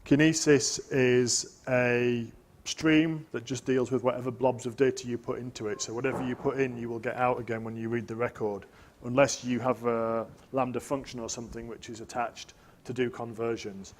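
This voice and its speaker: A man's voice: mid-range voice, flat delivery, moderate pace, a little hiss or hum. A man answering audience questions as a conference presenter, direct and confident in his explanations. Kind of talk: technical Q&A answers.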